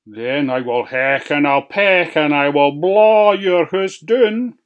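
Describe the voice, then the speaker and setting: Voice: mid-range voice, animated, slow, dull audio. A narrator voicing a sly, hungry old grey wolf in a Scottish storybook tale, in a wheedling sing-song. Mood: threatening. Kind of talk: storybook reading.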